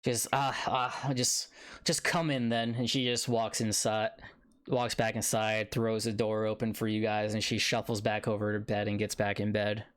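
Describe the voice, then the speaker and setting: A man narrating a tabletop game as game master, relaxed, with many fillers and laughs. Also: fairly low pitch, normal speed. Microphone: home mic on a live stream.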